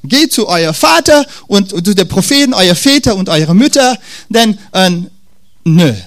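Man playing curt ancient prophet, formal, cheeky, slow, lively pitch. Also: exaggerated voice. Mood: stern. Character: curt, defiant ancient male prophet scolding a king.

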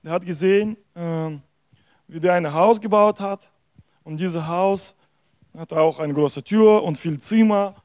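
A man preaching a sermon, telling a parable in a halting way with frequent hesitations. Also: high voice, darkish tone, no room sound.

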